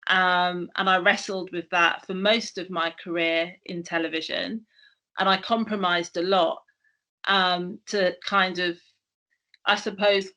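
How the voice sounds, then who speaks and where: A woman's voice: lowish voice, bright, forceful tone, rough recording. A woman from Barbados speaking as a panel guest on a video call, reflecting candidly on her career with some hesitation. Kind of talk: personal account.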